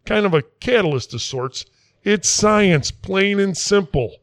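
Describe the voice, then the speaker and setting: Guy doing a rambling quack doc, folksy and sure of himself, fairly high voice. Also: lively intonation, unhurried, no echo, clean studio sound. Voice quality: folksy, rambling, self-assured. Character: folksy small-town Wisconsin "doctor", middle-aged man. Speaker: comic character in a mock interview.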